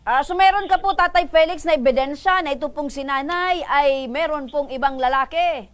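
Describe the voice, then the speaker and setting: A woman with a high voice hosts a call-in program on the radio. She mediates between the callers, pressing them with brisk, probing questions and teasing them along the way. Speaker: host.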